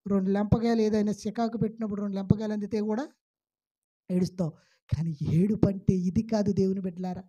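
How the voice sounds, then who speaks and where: A woman preaching a sermon in church, moving between loud fervent calls and quiet asides and putting questions to the congregation. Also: medium pitch, fairly even intonation, fast, lo-fi sound. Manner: asks the congregation rhetorical questions.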